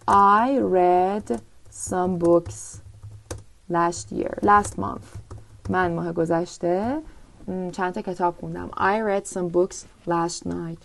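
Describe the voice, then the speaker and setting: Gravelly-voiced woman teaching English. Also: lowish voice. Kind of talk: language lesson, explaining in Persian with slow English examples.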